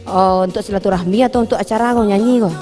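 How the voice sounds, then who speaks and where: A woman's voice: mid-range voice, fast talker, dark tone, soft background music. A woman singer from West Sumatra with a Minangkabau accent, chatting and laughing easily as a talk show guest. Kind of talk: casual interview chat.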